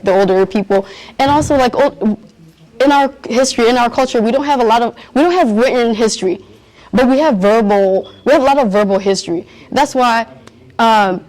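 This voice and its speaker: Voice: medium pitch, a little mellow, poor audio. A young adult, answering interview questions earnestly and searching for words. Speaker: youth interviewee at a community event.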